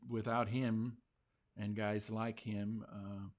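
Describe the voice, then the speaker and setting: A man's voice: lowish voice, flat delivery, takes it slowly. A man hosting a talk show, rambling with frequent hesitant fillers. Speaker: radio show host. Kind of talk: casual talk show chat.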